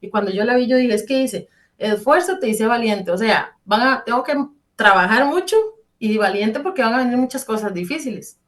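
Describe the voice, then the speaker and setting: A woman's voice: fairly high pitch, moderate pace, fairly bright tone. A woman giving a personal faith testimony on the radio, earnest and fervent, telling her story with quoted dialogue and speaking straight to her listeners. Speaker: church group member giving testimony.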